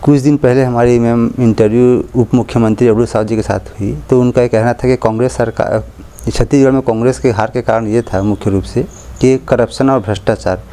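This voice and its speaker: A male interviewer politely puts probing questions to a politician. His voice is mellow and dark. He speaks at an even, measured pitch.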